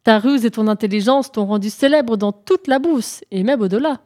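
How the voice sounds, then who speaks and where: A woman's voice: on the high side, moderate pace, mellow, lightly acted. A woman voicing a humble male shepherd in a folk tale, speaking respectfully and with admiration. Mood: admiring.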